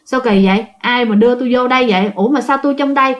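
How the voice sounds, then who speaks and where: A woman's voice: on the high side, racing, natural voice. A woman voicing a confused village man who asks bewildered questions and protests indignantly.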